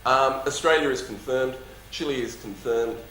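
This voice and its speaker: A man's voice: mid-range voice, moderate pace, a bit bright. A man with a lisp speaking as a company executive in a question-and-answer session, with a jovial, dryly humorous, emphatic manner. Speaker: company executive presenting and taking audience questions. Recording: roomy echo, faint background noise.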